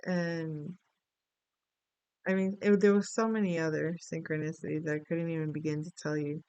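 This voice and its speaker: A middle-aged woman from the Dominican Republic chats her way through a rambling story during a reading. Her voice has a gravelly fry, yet it stays smooth and resonant. The sound is close and dry. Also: low-pitched, steady tone, normal speed, a little mellow, dry recording, dull audio. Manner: rambling, chatty storytelling with many asides. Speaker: astrology and tarot reader. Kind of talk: casual spoken reading.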